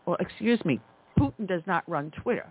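Over a tinny phone line, a woman running a conservative talk radio program speaks with fairly low pitch, lively intonation and a breathy edge, at a fairly quick clip. She's indignant and forceful in her delivery.

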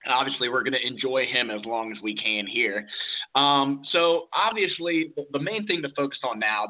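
A man co-hosting a casual sports talk podcast, walking through advanced stats with frequent "uh" fillers. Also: mid-range voice. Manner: stat-heavy, analytical, with frequent "uh" fillers. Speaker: podcast co-host. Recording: tinny phone-like line.

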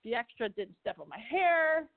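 A woman, an actress and stunt performer, telling animated stories from film sets in a casual interview, swearing and acting out quotes. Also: fairly high pitch, normal speed. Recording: dry thin phone-like sound.

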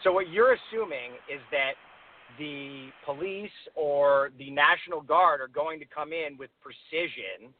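A man calling in to a radio show, reasoning out his argument with frequent "right?" asides. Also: a little high. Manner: reasoned, measured arguing with many "right?" asides. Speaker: caller. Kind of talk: call-in debate. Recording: dry, tinny phone line.

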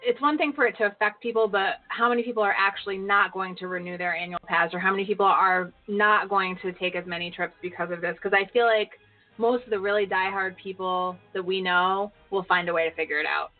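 Mid-pitched female podcast co-host, playful and teasing, over a tinny line. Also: fairly even intonation, fairly quick. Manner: teasing, laughs easily. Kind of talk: casual podcast chat. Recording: phone-like lo-fi audio with faint music.

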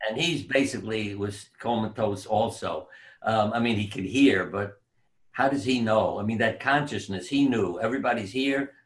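A man who is a surgeon and author, telling stories in an unhurried, reflective way as an interview guest, sometimes dropping to soft quiet tones. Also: fairly low pitch. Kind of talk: conversational storytelling.

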